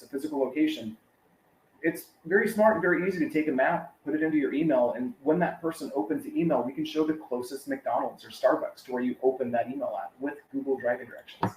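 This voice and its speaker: A man's voice: medium pitch, darkish tone, slight background noise. Chatty man presenting a webinar, roomy sound. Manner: casual, filler-heavy, conversational.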